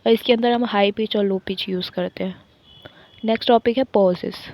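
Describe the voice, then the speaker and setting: A woman with an Indian accent, a native Hindi speaker, teaching an exam-prep lesson. She reads English lines slowly, then explains them in Hindi. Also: mid-range voice, steady tone, darkish tone, rough recording.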